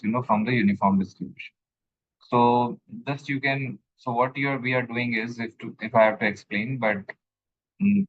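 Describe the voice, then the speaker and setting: Guy walking a student thru stats on a screen share, dull muffled call audio, keeps asking okay?. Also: fairly low pitch. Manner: explanatory, checks in with the student. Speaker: instructor. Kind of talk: statistics coding lesson.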